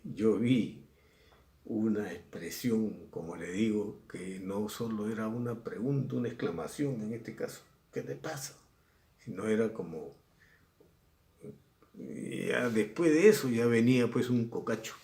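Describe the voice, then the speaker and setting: A man's voice: lowish voice, mellow. A middle-aged man with a Peruvian accent, a secondary school language teacher giving a recorded lesson in a conversational way, often repeating himself and acting out examples. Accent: Peruvian Spanish. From Peru. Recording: echoey room.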